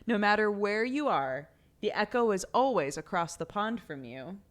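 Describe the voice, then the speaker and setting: A woman voicing a wise, calm old male beaver in a storybook read-aloud, in a gentle, patient way of explaining. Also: mid-range voice, moderate pace, lightly acted.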